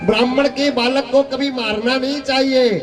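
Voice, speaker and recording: Male devotional preacher, high voice, measured storytelling pace, chants verses, distant mic over live music. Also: steady tone. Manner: chants Sanskrit verses, addresses the audience directly. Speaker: Bhagavat katha preacher. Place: religious gathering.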